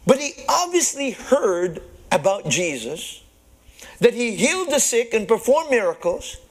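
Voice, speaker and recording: High-voiced pastor chuckling through his sermon. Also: very animated, unhurried. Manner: chuckles often between phrases; calls out to the congregation. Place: church service before a live congregation.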